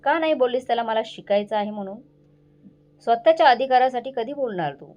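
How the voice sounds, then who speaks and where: Woman doing a loving older mother-in-law, gently scolding, storybook reading. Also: on the high side, lively intonation, brisk, dull audio, natural voice. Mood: caring. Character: caring older mother-in-law, affectionate yet firm.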